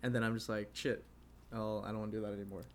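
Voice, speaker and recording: A twentysomething man co-hosts a relaxed podcast, rambling with plenty of fillers and frequent laughter. His voice sits on the low side and his delivery is flat and quick. There's a slight hiss or hum in the recording.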